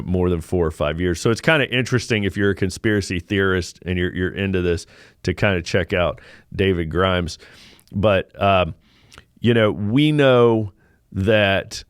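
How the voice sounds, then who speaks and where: A man giving an informal, persuasive religious talk in an explanatory, emphatic way, pausing between short phrases. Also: sits low, dry recording, clean studio sound.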